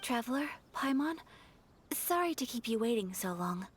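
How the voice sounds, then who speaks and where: A woman voicing a graceful, polite young noblewoman in a video game, with a soft, breathy, formal way of speaking. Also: a little high, very animated, moderate pace, noisy background. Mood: earnest. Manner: formal and courteous. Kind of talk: game voice acting.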